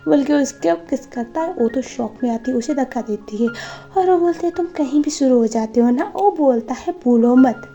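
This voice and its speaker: A woman's voice: a little high, vocal fry, warm tone. A woman casually recapping a drama series, retelling scenes and quoting the characters in her own voice. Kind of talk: casual recap narration with quoted dialogue.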